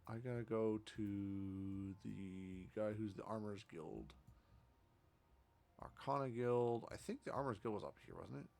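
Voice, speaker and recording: A man's voice: fairly low pitch, measured pace, creaky, a little mellow. A man streaming a video game, chatting casually and rambling to himself as he plays. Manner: rambling, self-talking, chatty with fillers. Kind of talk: casual gameplay commentary.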